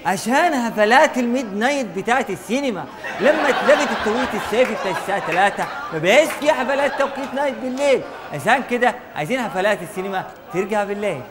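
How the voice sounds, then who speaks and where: A man playing a chatty, indignant Egyptian protester in a parody street interview, loud, emphatic and colloquial. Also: high voice, lively intonation, very fast. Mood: complaining. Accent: Egyptian, varying by regional character. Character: indignant, chatty male protester with petty demands. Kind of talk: parody vox pop. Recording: echoing hall, crowd noise.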